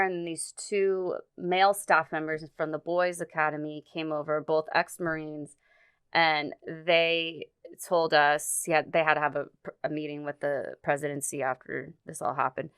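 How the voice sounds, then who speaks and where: A young woman, a podcast guest, telling a story in a halting, earnest way full of restarts. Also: low-pitched, flat delivery, a bit bright, clean tone, no room sound. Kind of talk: casual storytelling.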